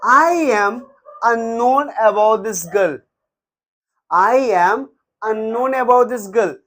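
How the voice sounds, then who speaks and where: A man's voice: high-pitched, takes it slowly. A man with an Indian English accent teaching a grammar lesson, repeating words and dictating examples one at a time.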